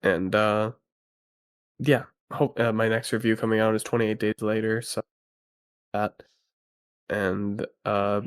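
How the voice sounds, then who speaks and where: A sick man with a congested, nasal voice talks in a low, subdued register. He chats casually as a guest reviewer, stopping and restarting around fillers. The sound is dry and close, with no room around it. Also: flat delivery, clean tone, no room sound. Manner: low, quiet, halting with many fillers.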